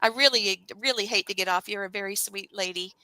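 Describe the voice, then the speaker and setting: A woman's voice: medium pitch, a little fast, pushed and bright, clean tone, dry recording, rough recording. A woman co-hosting a casual online talk show, chatty and gushing, with lots of fillers, on a video call. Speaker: co-host. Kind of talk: casual show sign-off and chat.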